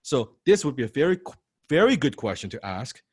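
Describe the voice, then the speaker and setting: A man teaching a sales training class, lively and full of rhetorical questions, acting out what prospects say. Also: mid-range voice, fairly quick, breathy edge, no echo, studio quality. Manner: animated, acts out prospect replies, rhetorical questions. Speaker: sales coach.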